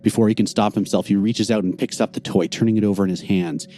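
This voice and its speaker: A man narrating a tabletop game as game master, a deliberate storyteller. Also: lowish voice, fairly even intonation, mellow.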